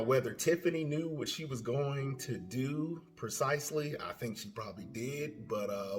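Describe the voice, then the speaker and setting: A man giving casual spoken commentary as a channel host, rambling and hesitant, full of fillers and restarts. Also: medium pitch.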